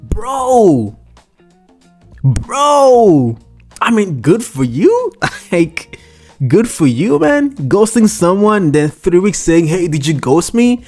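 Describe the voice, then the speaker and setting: A young man hosting a casual chat, reacting to rejection stories in an animated, exclaiming, slangy way. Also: sits high, a little slow, faint music behind.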